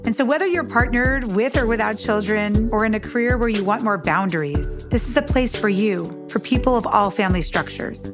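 A woman's voice: a little high, fairly quick, hardly any pauses, music in the background. A woman podcast host reading a scripted promo. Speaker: podcast host, author and attorney.

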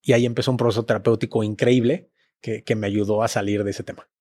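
A man's voice: on the low side, steady tone, fast talker, warm tone, no echo, studio quality. A man with a Mexican Spanish accent, a podcast guest telling a personal story in a casual, slangy, emotional way. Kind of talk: candid storytelling.

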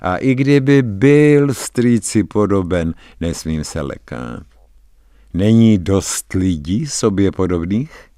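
A man narrating a dark first-person story in a tense, measured dramatic radio reading. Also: low voice, expressive, no echo, studio quality.

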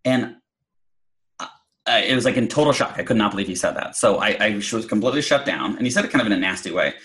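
A man's voice: lowish voice, expressive, quick pace, a bit bright, rough recording. A middle-aged man telling a personal story in an interview, chatty, with many fillers and restarts. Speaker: guest.

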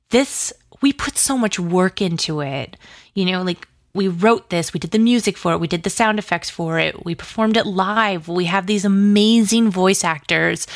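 As a guest in an interview, a woman who runs a podcast and a pop culture site talks in a casual, eager, chatty way, using "like" constantly. Her voice sits in the mid-range, captured in clean studio sound with no echo.

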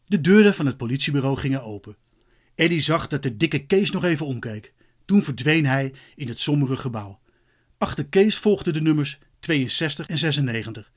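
A man reads a children's story aloud with lively expression, his voice sitting a little high for a man. He keeps the storybook narration brisk and engaged.

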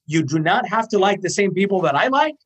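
A man in his thirties from Iraq answers interview questions with earnest force, stacking his points one after another. His voice sits a little high for a man. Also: animated, a little fast, a bit bright, husky. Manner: earnest, emphatic, repeats points in lists. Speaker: guest.

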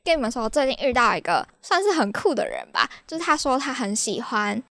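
A woman's voice: fairly high pitch, huge pitch swings, fairly quick, a bit bright, no room sound. A young woman from Taiwan with a Taiwanese Mandarin accent, hosting a podcast in a chatty, exasperated storytelling way. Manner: chatty, exasperated, laughs at her own stories. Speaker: podcast host.

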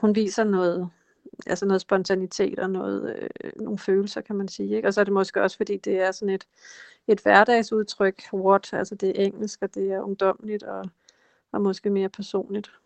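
Gravelly-voiced woman explaining language. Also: mid-range voice, little pitch movement, no echo. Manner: explanatory, hesitant with fillers. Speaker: language expert guest. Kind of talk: conversational interview.

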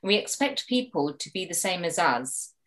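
A woman's voice: lowish voice, sing-song, normal speed, a bit bright. A woman mediator, a guest in a conversational interview, talking animatedly and acting out the voices she quotes.

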